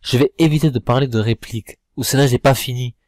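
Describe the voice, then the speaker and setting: Over background music, a man narrates a review with informal, complaining critique full of slang and bluntness. He has a mid-range, slightly mellow voice at a quick pace, with no room sound.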